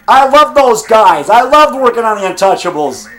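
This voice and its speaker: A man's voice: very high-pitched, sing-song, moderate pace, a bit bright. A middle-aged man in a combative, off-the-cuff phone argument, defiant and boastful, punctuating his points with "brother" and "pal.". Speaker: low-budget monster movie maker.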